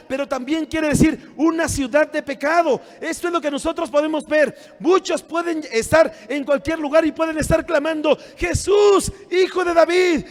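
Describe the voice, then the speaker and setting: A male pastor preaching a sermon, often shouting and acting out scenes from scripture. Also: very high voice. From Mexico. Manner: preaching with frequent shouting and dramatic retellings. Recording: long church hall reverb.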